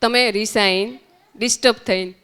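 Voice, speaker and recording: A woman's voice: medium pitch, fairly even intonation, normal speed, a bit bright, smooth. A woman with a Gujarati accent teaching children at a summer camp, asking them questions and repeating their answers. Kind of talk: interactive lesson with children. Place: centre hall.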